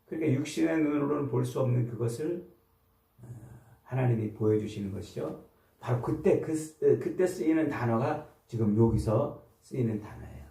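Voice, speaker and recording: Korean pastor preaching in a roomy church. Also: male voice, mid-range voice, moderate pace, vocal fry, dark tone, distant mic. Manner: explains the text in a patient teaching tone with rhetorical questions. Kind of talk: sermon. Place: church sanctuary. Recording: roomy sound from away from the mic.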